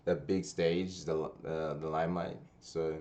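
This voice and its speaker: A man's voice: extremely low pitch, flat delivery, unhurried, a little mellow. A young man hosting a casual gaming podcast, rambling with lots of restarts and slang. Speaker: podcast host and tournament organizer. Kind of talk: casual chat.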